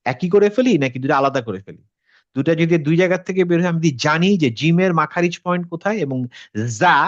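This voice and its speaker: A man leads an online class with a slightly raised pitch and a patient, explaining manner. He checks often that his students understand. The sound is dry and dull, as on a lo-fi video call. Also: no echo. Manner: explains patiently, mixes in English words, asks students questions. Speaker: Quran tajweed teacher.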